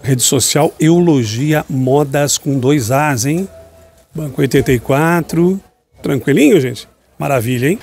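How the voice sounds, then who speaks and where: A man with a slightly high voice hosts a market vlog. He walks along a busy outdoor street at night, filming on a handheld phone. He keeps up a chatty, upbeat patter aimed at his viewers. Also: unhurried, a little mellow, slightly rough. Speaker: shopping vlogger touring a street market. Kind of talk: walking market vlog with vendor chat. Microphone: handheld phone camera.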